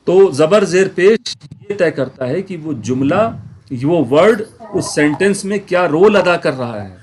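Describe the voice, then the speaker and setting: A man teaching a Quran grammar class, explaining patiently, checking in with his students and slowly repeating words to show how they are said. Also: a little high, animated, darkish tone, a little hiss or hum. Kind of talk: online class lecture.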